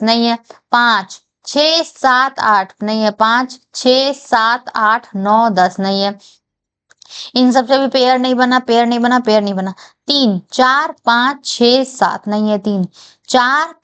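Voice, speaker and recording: A woman's voice: fairly high pitch, fairly bright tone, clear, resonant tone. A young adult woman teaching an exam-prep reasoning lesson. She counts aloud step by step and checks whether her students understand.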